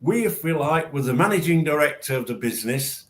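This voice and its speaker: This show host, once a referee, talks quite quickly and expressively in a slightly high voice. He leads a relaxed conversation over video call, stressing his points and repeating words at the start of sentences.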